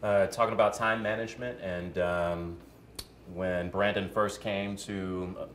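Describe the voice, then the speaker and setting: Very deep-voiced man moderating Q&A. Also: steady tone, measured pace, fairly bright tone. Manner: relays audience questions in short paraphrases. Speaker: event host and moderator. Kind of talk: moderating an audience Q&A. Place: coworking space event. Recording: echoey room with faint noise.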